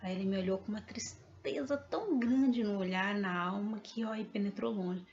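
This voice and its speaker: A woman's voice: medium pitch, moderate pace, a little mellow. Woman, earnest testimony teller, acts out dialogue; dull lo-fi recording. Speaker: spiritual storyteller. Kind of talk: personal testimony.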